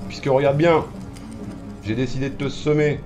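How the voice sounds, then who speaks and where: A man's voice: mid-range voice, steady tone, moderate pace, music in the background. A man streaming a horror game, commentating live, swearing and taunting the enemy with mock drama.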